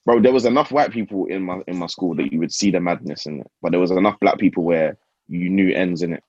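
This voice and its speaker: Deep-voiced London roadman telling stories. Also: fast talker, no room sound, muffled recording. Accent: London roadman (multicultural London English). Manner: animated slangy storytelling, repeats phrases. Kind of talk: casual group chat, storytelling in street slang.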